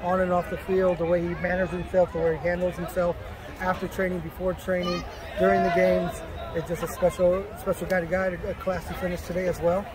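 A man's voice: high-pitched, little pitch movement, a little fast. A male soccer coach answering questions at a postgame press conference in a casual way, repeating words and filling with "you know". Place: outdoors at a stadium after a match. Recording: outdoors with crowd noise behind.

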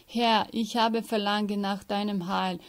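Woman reading bible verses real slow, careful and steady, mid-pitched voice. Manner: slow, measured reading with occasional stumbles on words. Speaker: scripture reader.

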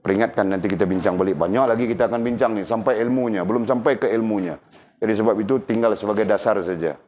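Speaking quickly in a lowish voice with a darkish tone, a man teaches a relaxed religious lesson. He talks in a chatty way and regularly checks whether listeners understand, and the recording is dull and lo-fi.

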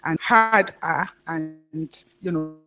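Woman, pastor, sermon, halting storytelling, frequent restarts. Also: deep voice, pushed and bright.

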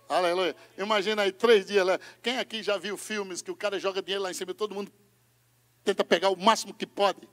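A Brazilian man preaching a sermon as pastor, moving from hushed asides to loud shouting. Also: sits high, fairly even intonation, a little fast, in a large hall. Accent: Brazilian Portuguese.

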